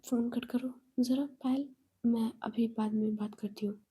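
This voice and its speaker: A woman's voice: on the high side, fairly even intonation, a little slow, dark tone, husky. A woman voicing a bossy, firm young woman.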